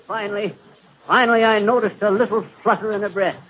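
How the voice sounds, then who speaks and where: This scratchy, noisy 1930s radio broadcast features a male actor with a high voice, steady tone and slightly fast pace, with the highs cut off but the voice natural. He plays a boastful middle-aged man rambling folksily through tall tales, tongue slips and all, in the manner of 1930s radio comedy.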